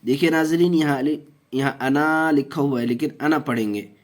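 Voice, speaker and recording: A man teaching Quran recitation step by step, explaining each rule slowly, then chanting the verses long and drawn out. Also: a little high.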